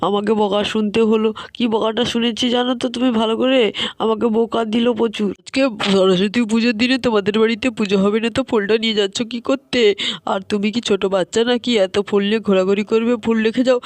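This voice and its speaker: Someone voices a sulky man in a doll story, high-pitched and whining in a flat tone. He rattles off his grievances quickly, heard close and dry. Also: no room sound, natural voice. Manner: complaining, whiny. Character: sulky grown man, scolded and sorry for himself.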